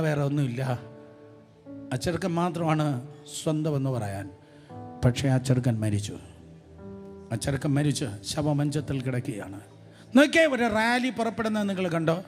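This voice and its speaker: High-voiced man preaching an emphatic sermon. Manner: emphatic, repetitive, urging the congregation to repeat phrases; rises to shouts on key phrases.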